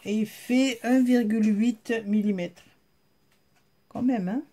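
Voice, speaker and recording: Slow and dark in tone, her voice sits a little high. She's a haul vlogger with a Southern French accent, casually showing her finds to viewers, addressing them directly in a chatty, filler-heavy way.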